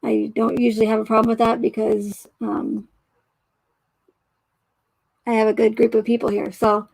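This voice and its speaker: A woman talks casually to her livestream viewers, wandering through her thoughts with frequent restarts and fillers. Her voice sits a little high but stays flat, with a gravelly fry underneath. It comes through a home microphone. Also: moderate pace, no room sound, low-quality recording. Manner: rambling, hesitant, many restarts and fillers. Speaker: livestream host.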